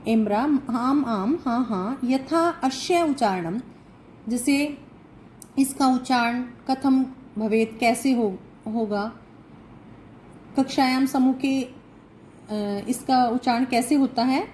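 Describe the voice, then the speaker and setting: Slow, high-voiced woman teacher. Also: a little mellow, a little hiss or hum, low-quality recording. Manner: reads each phrase, then translates and explains it. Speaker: Sanskrit teacher. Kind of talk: recorded classroom lesson.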